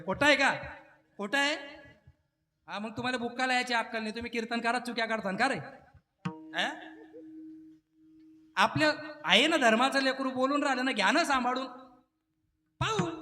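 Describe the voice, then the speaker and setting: High, bright-voiced man preaching a kirtan. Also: in a large hall. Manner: teasing, jokes with the crowd between verses. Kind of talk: devotional kirtan sermon.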